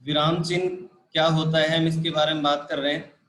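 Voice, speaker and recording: A man with a fairly high voice teaches a live grammar class, patiently repeating each point and checking in with his students. The sound rings around a roomy, echoey space. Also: level tone, brisk, fairly bright tone, slight background noise. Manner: repetitive, patient explaining with frequent "ठीक है" and "देखो". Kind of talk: live online grammar lesson.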